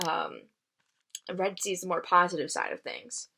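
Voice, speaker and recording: In a lowish, gravelly voice that sounds pushed and bright, a woman unhurriedly reads a storybook aloud with expression, stepping in like a teacher to explain the story simply. There's slight background noise.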